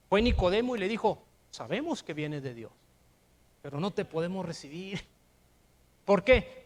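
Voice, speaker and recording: An older man preaching a sermon in a Mexican accent, emphatic, with rhetorical questions and rising to shouts. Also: sits high. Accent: Mexican Spanish. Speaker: pastor.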